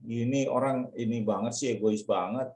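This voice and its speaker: A man teaching a children's church lesson in an animated way, acting out taunts in a high put-on voice. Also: normal speed, echoey room. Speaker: Sunday school teacher.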